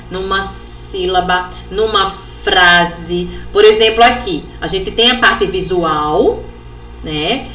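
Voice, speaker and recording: A woman from Brazil, an educational psychologist giving a workshop, sounding out letters and syllables slowly and ending phrases with tag questions. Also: mid-range voice, bright, forceful tone. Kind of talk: instructional workshop talk. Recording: echoey room with faint background noise.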